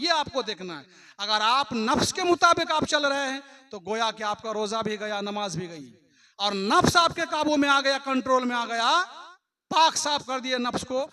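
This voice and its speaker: A male preacher with a very high, sharp, bright voice gives a Friday sermon in a mosque. He chants scripture quotes slowly, then explains them with rising passion.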